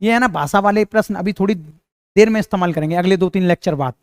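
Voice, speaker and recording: A man's voice: high voice, fast, no room sound, studio quality. A young man teaching physics in a casual, chatty lecture, talking straight to his students and joking with them. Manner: chatty, jokey, addresses students directly.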